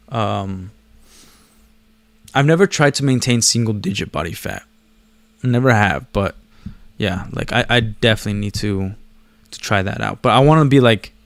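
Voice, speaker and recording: Talking casually to camera, a vlogger meanders through slangy, self-deprecating chat with his viewers. His fairly low voice is clear and resonant, recorded without room sound. He was born abroad, moved to the US as a child, and spoke another language before English.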